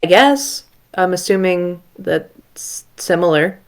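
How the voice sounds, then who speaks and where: Brief: woman player, lowish smooth voice, slow and hesitant, thinks aloud. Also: lively intonation. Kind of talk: casual tabletop play.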